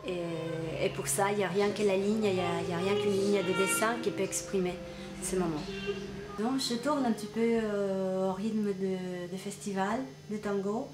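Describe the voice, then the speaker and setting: A woman's voice: medium pitch, steady tone, normal speed. Argentine-born woman painter, roomy gallery. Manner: thoughtful, searching for words. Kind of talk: interview. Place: indoor art gallery. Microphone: camcorder mic, medium framing. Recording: roomy gallery with music behind.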